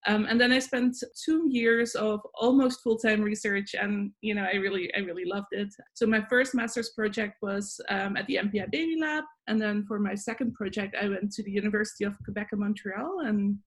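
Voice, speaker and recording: Woman in her 40s, Dutch accent, podcast guest, reflective and halting, mid pitch. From Netherlands. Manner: thoughtful, many fillers and restarts. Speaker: guest, psychology professor. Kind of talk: interview answers.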